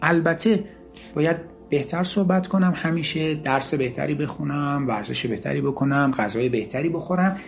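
A man's voice: fairly high pitch, creaky, faint music behind. A man giving an earnest motivational talk, driving his points home with repeated, emphatic lists. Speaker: motivational speaker.

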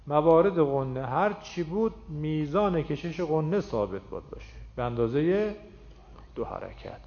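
A man explaining Quran recitation rules in a lilting, sing-song way. His voice is a touch high for a man. The recording sounds dull and lo-fi. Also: animated, a little mellow. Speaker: tajwid teacher. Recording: muffled lo-fi recording.

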